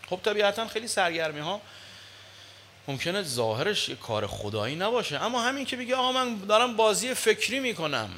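A man delivers a sermon with a bright, forceful voice pitched a little high. He swings from low murmurs to loud exclamations. A faint room ambience sits behind him. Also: big pitch swings, slight background noise. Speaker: preacher.

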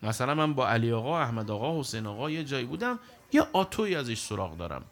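A middle-aged man preaching a sermon in an animated, emphatic way, reciting scripture passages between his own explanations. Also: mid-range voice.

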